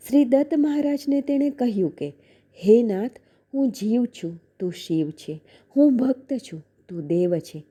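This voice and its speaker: A woman gives a slow, measured devotional reading, her voice very dark and mellow. A breathy softness sits in her tone as she moves from narration into gently chanted verses. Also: mid-range voice. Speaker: devotional reader.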